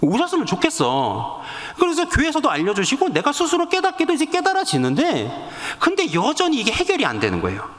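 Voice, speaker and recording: A man preaching a sermon, telling a personal story in an animated way and acting out the voices in it. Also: a little high, long reverb tail. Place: church sanctuary.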